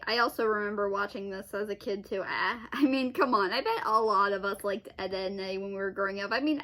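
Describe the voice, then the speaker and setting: A young woman hosts an online video with unscripted, casual commentary, her voice sharp and on the high side. She stumbles a bit, repeating and rephrasing herself, and breaks into exclamations.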